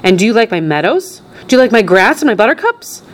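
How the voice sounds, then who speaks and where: A woman voicing an excitable, showy male chocolate factory owner in a storybook, proud and gushing with emphatic delivery. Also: medium pitch, fast, pitched above the performer's own voice, natural voice. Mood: delighted, proud.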